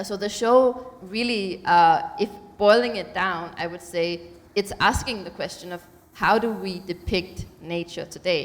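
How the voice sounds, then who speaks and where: Hesitant curator woman, low voice. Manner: thoughtful, many ums and uhs. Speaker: curator leading a panel. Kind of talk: gallery panel introduction. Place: museum auditorium. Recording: long hall reverb in auditorium.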